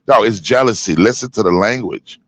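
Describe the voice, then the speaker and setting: Deep-voiced man in his fifties, fast. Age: 50s. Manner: forceful, preachy, street slang. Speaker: panelist. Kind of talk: heated casual panel talk.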